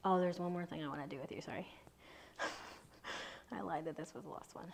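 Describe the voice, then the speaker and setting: A woman in her thirties guiding a relaxed mobility flow, talking softly and breathily with many half-whispered cues. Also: lowish voice, moderate pace, creaky, slight background noise. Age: 30s. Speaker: yoga instructor.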